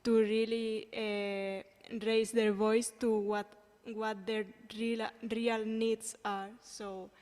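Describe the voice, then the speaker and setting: A woman giving spontaneous panel remarks at a symposium, measured and earnest, pausing between phrases. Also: mid-range voice. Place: conference room. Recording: reverberant conference hall.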